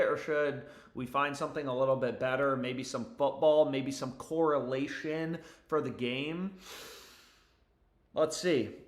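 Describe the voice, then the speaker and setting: A young man chatting casually as a livestream host, with sweary frat-bro slang. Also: mid-range voice. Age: young adult. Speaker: livestream host giving betting picks. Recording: roomy, echoey indoor sound.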